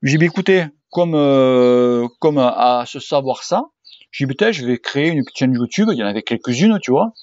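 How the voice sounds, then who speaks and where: In a dry home recording that sounds dull, a man in his forties with a southern French regional accent takes viewer questions for his casual vlog as a cycling YouTuber and sports coach. His darkish, medium-pitched voice has lively intonation and a moderate pace, and he's blunt, slangy and swears freely.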